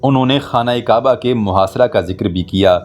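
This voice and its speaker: A man reading a scripted historical documentary narration in a steady, even manner. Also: medium pitch, faint music behind. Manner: steady, even-paced storytelling.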